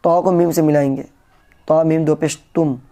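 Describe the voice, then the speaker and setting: A woman teaching recitation. She chants verses slowly and melodically, then quickly spells out how to join the sounds. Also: sits low, steady tone, warm tone. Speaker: Quran reading teacher.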